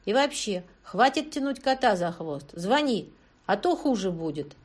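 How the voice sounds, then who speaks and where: A woman's voice: mid-range voice, big pitch swings, normal speed, breathy edge. A woman voicing a menacing male kidnapper who barks threats and orders. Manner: threatening, barking.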